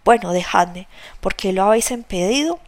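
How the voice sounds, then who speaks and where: A woman's voice: mid-range voice, lively intonation, normal speed, close to an everyday voice. A woman voicing a distraught, defiant young woman who cries out in an audiobook reading. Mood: desperate defiant. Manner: crying out, defiant.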